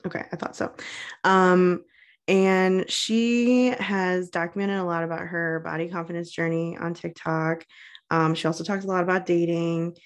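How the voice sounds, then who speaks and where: A woman's voice: lowish voice, steady tone, moderate pace, smooth. Chatty millennial woman podcast host. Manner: chatty, self-deprecating, lots of fillers. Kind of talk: casual chat.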